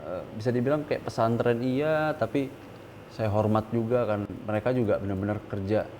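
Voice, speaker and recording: A man's voice: on the low side, normal speed, a little mellow, slight background noise. A man in his thirties speaking candidly as an interview guest, earnest and dropping English words into his speech. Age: 30s. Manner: earnest, mixes English words, stressed rises when quoting others.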